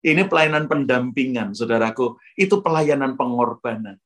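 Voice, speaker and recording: A man's voice: medium pitch, expressive, normal speed, a bit bright. Man, pastor, sermon, story-driven, addresses listeners directly. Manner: storytelling preacher who constantly addresses listeners as brothers.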